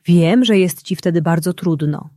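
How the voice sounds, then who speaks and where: A patient, loving mother from a storybook, as a woman reader voices her, speaking calmly and softly. Her voice sits low and mellow, and she talks slowly on a dry recording. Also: no echo, close to an everyday voice. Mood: gentle. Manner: calm, soft-spoken.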